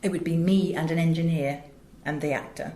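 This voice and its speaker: A middle-aged woman from England with a British accent, an audiobook director and producer appearing as an interview guest, speaks briskly in a deep, steady, warm voice. She answers conversationally with emphatic storytelling and frequent asides, over a roomy echo and faint background noise.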